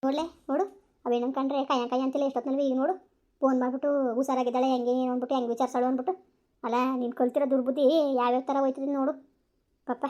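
A woman's voice: sits high, little pitch movement, rapid-fire, warm tone, dull audio, natural voice. A woman voicing a worried village mother who nags and pleads with her family. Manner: pleading, scolding. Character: worried village mother, nagging but caring. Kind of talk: village family drama acting.

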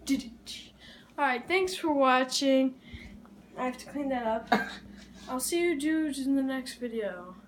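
A vlog host with a high, animated voice takes her time as she chats through a casual challenge video, slipping in muttered, slangy asides. The sound is very noisy home video audio.

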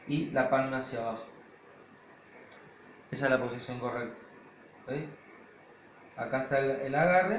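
A man's voice: mid-range voice, a little hiss or hum. A man teaching drum technique, explaining step by step and counting beats aloud. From Argentina. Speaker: percussion teacher. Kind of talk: hands-on drum technique lesson. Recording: echoey room with loud drumming.

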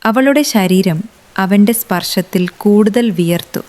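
A woman reading a romance story aloud as scripted narration, with a measured, unhurried delivery. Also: mid-range voice, a little mellow.

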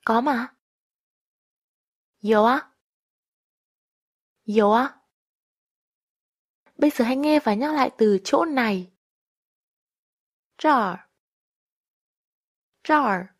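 A woman's voice: a little high, drawn-out words, pauses often. A woman teaching a listen-and-repeat language lesson, patiently saying each phrase twice.

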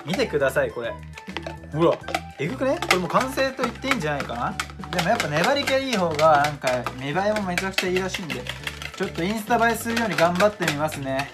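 A young man, chatting excitably and casually while cooking at home for his vlog. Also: high voice, fast talker. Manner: excitable, chatty, exclaims often. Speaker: vlogger. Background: background music.

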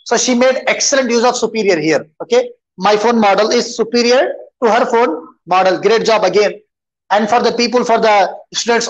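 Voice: medium pitch, dull audio, slight background noise. An English teacher with an Indian accent gives an online grammar lesson. The teacher reads students' sentences aloud and explains them patiently, switching into Hindi.

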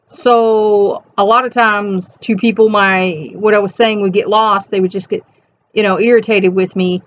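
A middle-aged host with a high, soft voice sits in a small, cluttered home room, reading aloud an inspirational reflection and commenting on it in a casual, reflective chat to camera. She's unhurried and steady, drifting into rambling asides, with slight background noise and dull, lo-fi webcam audio.

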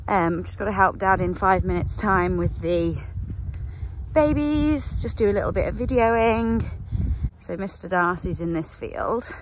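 A young woman, slightly hoarse from a recent illness, chatting casually while working her horse outdoors. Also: unhurried, slight background noise, low-quality recording. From England. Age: young adult. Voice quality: softer than her usual voice. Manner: chatty, coaxing horse commands, lively pitch. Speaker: horse owner vlogging.

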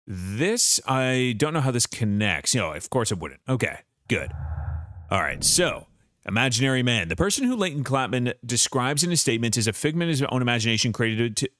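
A man's voice: medium pitch, a bit bright, dry recording. A man streaming a detective game live, thinking aloud about clues with frequent restarts.

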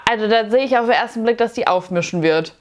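A woman in her thirties, her voice a little high and fast, gives a casual, opinionated reaction commentary for YouTube, full of sarcastic asides. She's recorded indoors on a clip-on mic in a small, dim room.

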